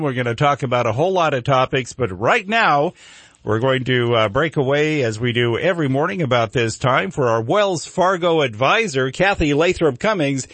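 A man's voice: medium pitch, a bit bright, dry recording. Folksy American man hosting dry-miked morning radio. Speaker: local radio show host. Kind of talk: unscripted morning radio chat.

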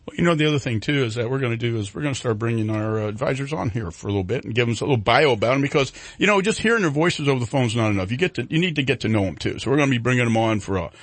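A man's voice: mid-range voice, lively intonation, very fast, few pauses, no room sound. A man hosting a live, ad-libbed morning talk radio show on a studio microphone. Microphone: studio broadcast microphone.

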